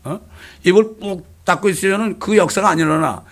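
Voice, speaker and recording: A man preaching a fervent sermon as a pastor, swinging between loud exclamations and quiet asides. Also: high voice, brisk.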